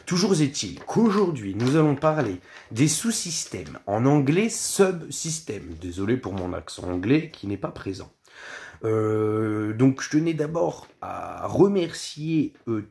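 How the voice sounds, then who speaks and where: A man's voice: on the low side, vocal fry, darkish tone. A man talking casually in a vlog, rambling and scattered, full of hesitations and self-mocking asides, partly reading from notes. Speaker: vlogger.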